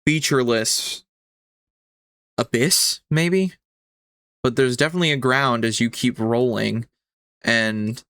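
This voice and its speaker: A man narrating as game master, describing scenes slowly with some ums. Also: medium pitch, pushed and bright, smooth, no room sound, studio quality.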